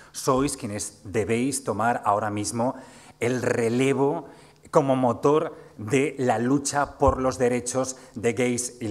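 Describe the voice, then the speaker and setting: A man with a Castilian Spanish accent giving an acceptance speech as a newspaper editor. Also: mid-range voice. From Spain.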